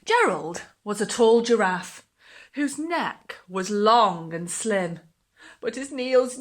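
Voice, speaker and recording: A woman with a high-pitched voice reads a children's story aloud like a teacher, telling it in an expressive, dramatic way.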